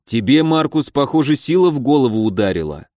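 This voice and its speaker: A man's voice: medium pitch, big pitch swings, brisk, a little mellow, dry recording, studio quality, natural voice. A man voicing a reproachful older mentor in an audiobook, lecturing sternly.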